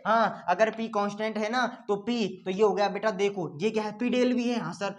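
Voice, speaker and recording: A man's voice: high voice, fairly even intonation, normal speed. A man teaching an online lesson who says each point several times and answers for his own students, calling them "beta". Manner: repeats points in call-and-response; calls listeners "beta".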